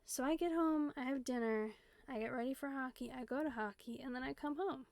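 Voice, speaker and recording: A woman in her twenties with a West Coast American accent chats loosely on her stream from home. Her voice sits a little high and carries a gravelly fry. She rambles and leans on "like" constantly. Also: fairly quick, darkish tone, no room sound. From United States, Seattle area. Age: 20s. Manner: rambling, filler-heavy talk with many "like"s. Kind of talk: casual chat. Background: faint music playing.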